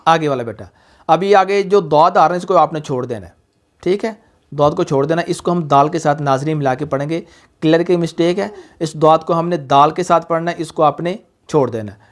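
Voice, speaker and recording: In this tajweed lesson, a man teaches Quran recitation with repeat-after-me drills, drawing out every syllable and patiently addressing the student as "son." His voice sits fairly high, and he talks a little fast.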